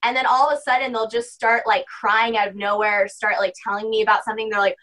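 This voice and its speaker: Fast and a bit bright, her fairly high voice barely shifts in pitch as this young podcast guest, a spiritual practitioner, rambles casually with constant "like" and "you know." The audio is poor.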